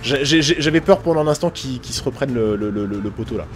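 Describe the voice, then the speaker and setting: A man with a French accent giving casual, excitable commentary on a police game, swearing often and laughing. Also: mid-range voice, fast, faint music behind. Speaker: gaming YouTuber.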